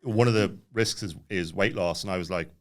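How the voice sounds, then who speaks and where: On a podcast, a man in his late thirties with a low voice recounts something from his own life at a brisk clip. He keeps it casual, wandering and skipping around, leaning heavily on filler words.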